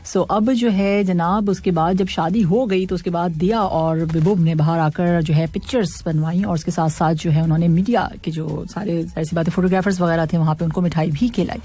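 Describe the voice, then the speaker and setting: A woman's voice: fairly low pitch, steady tone, moderate pace, few pauses, mellow. A woman hosting an evening radio show, chatting casually, reading listener messages and poetry, and laughing often.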